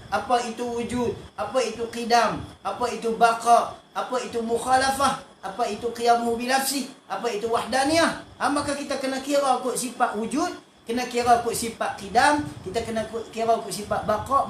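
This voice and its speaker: A man with a Malaysian Malay accent teaching an online religious class, often asking questions and answering them himself. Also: extremely high pitch. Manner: asks and answers his own questions, repeats short fillers. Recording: echoey room, faint background noise.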